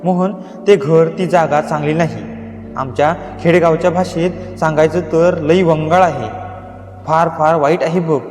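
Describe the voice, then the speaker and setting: A man's voice: on the high side, fairly even intonation, unhurried, a little mellow, lightly acted. A man voicing an older village housekeeper woman, devoted and anxious, speaking in a pleading, rustic way. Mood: fearful warning. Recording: echoey reverberant room, faint music.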